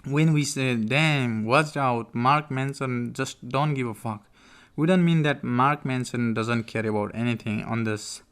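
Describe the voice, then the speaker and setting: A man reading a book aloud informally in a living room, halting and repeating words as he stumbles over them. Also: medium pitch, steady tone, a bit bright, clean tone. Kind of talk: informal audiobook read-aloud with casual asides.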